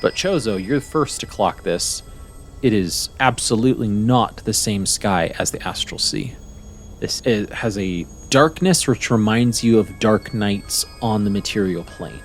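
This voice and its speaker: A man narrating a tabletop game as game master, in measured, descriptive phrases with pauses. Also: fairly low pitch. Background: soft music.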